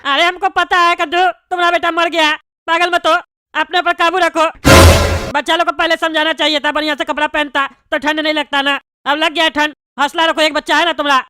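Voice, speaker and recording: A bald, pompous neighbourhood politician, voiced by a woman in a cartoon comedy, high-pitched and bright. He talks in a bossy, rambling way and consoles people tactlessly. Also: flat delivery, brisk, a little hiss or hum. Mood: consoling.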